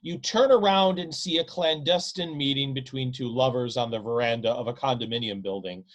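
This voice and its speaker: An author reads his novel aloud in a medium-pitched voice, dramatic and deliberate, leaning hard on stretched-out phrases. The highs in the audio are cut off.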